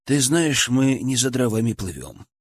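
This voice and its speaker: A man voicing a steady, decisive young man in an audiobook, with a husky voice and lively intonation. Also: mid-range voice, moderate pace. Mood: warm.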